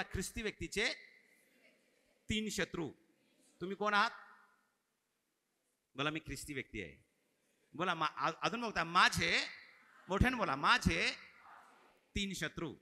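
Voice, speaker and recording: A man's voice: sits high, sharp tone. A man preaching a sermon as pastor, calling on his congregation to repeat phrases aloud. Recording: echoey hall reverb.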